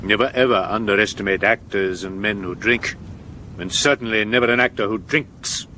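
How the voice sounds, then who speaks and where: A pompous theatrical gentleman detective. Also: on the low side, normal speed, slight background noise. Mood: menacing. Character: theatrical actor-detective, pompous and fond of brandy. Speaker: amateur detective. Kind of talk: 1970s radio drama acting.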